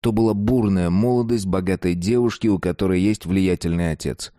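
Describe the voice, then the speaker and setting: A man reading a dark story aloud, slow and deliberate. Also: sits low, dry recording, clean studio sound. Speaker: narrator. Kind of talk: scripted narration of a dark story.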